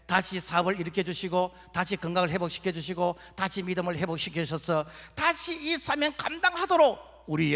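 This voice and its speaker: A middle-aged male pastor preaching a sermon, acting out quoted lines with emotion. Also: sits high. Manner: animated preaching with dramatized quotes and tearful peaks. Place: church sanctuary. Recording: long reverb of a church hall.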